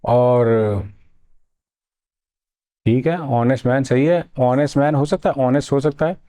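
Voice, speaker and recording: A man teaching a grammar lesson for exam preparation, explaining slowly, repeating words and acting out his students' questions. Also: medium pitch, warm tone. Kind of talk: exam-prep grammar lecture.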